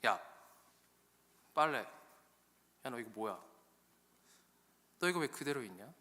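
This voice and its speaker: A man's voice: mid-range voice, expressive, slow pace, sharp tone. A man acting out a bossy, irritable husband who scolds his wife sarcastically. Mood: scolding. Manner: barking, belittling, sarcastic. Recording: long echo of a church hall.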